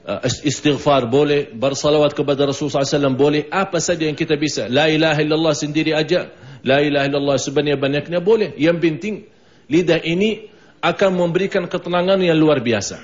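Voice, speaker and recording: Speaking fast in a slightly high voice, this Indonesian-accented man preaches a mosque sermon. He narrates a story, performs the characters' voices and chants remembrance phrases, all on a dull, lo-fi broadcast recording.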